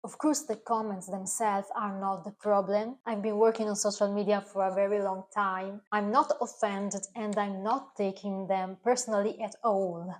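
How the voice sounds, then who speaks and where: A woman from Italy, a native Italian speaker, talks straight to camera in Italian-accented English as the creator of a food channel. She's earnest and careful, with slightly halting phrasing, and her mid-range voice has little pitch movement.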